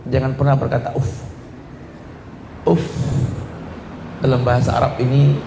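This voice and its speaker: Man, betawi accent, preacher, very gravelly, fairly high voice, echoey room, faint ambience. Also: little pitch movement, moderate pace, background noise. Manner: emphatic, storytelling with humor. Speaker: Islamic preacher. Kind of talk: sermon.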